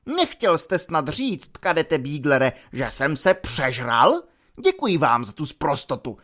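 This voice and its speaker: A man voicing a pompous, quick-tempered army lieutenant in a storybook reading, blustering and huffy. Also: a little high, wildly swooping pitch, a bit bright. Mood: indignant.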